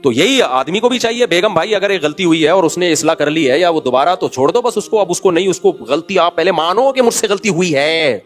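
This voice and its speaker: Middle-aged preacher, higher-pitched male voice, chatty scolding sermon, faint music underneath. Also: animated, hardly any pauses. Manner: conversational, scolding, acts out quoted voices. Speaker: mufti giving a religious talk. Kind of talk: informal sermon with anecdotes.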